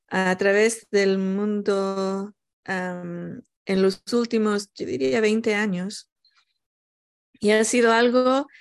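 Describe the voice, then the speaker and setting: A woman with a gravelly fry in her voice talks at a slow pace. She is casual and reflective, often pausing to find a word and slipping into English. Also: on the high side. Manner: searching for words, dropping in English. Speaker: panel participant.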